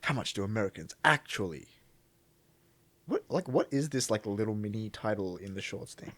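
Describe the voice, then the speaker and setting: A man's voice: lowish voice, expressive, normal speed, fairly bright tone, no echo. A young man co-hosting a podcast, chatting casually and giving blunt, sweary opinions. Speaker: podcast co-host. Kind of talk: casual chat, reacting to videos.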